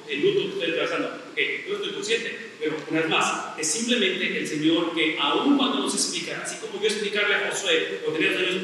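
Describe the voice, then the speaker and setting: A man's voice: a little high, bright, forceful tone. A middle-aged man pastor preaching a sermon, stressing points by repeating phrases and asking the congregation rhetorical questions. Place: church sanctuary. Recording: very echoey church hall, voice from far off, faint noise.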